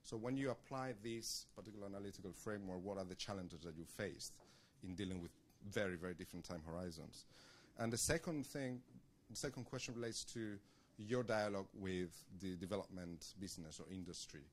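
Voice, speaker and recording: Brief: lower-voiced man, audience questioner, measured and academic, stumbles over restarts. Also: slight background noise. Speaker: audience member asking questions. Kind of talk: question at a panel discussion.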